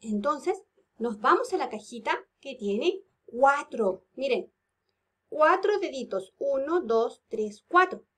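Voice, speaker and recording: Woman, kindergarten teacher, high voice, unhurried sing-song, syllable-by-syllable. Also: animated, fairly bright tone. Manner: slow, sing-song, stretching words into syllables. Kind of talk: remote lesson for young children. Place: at home.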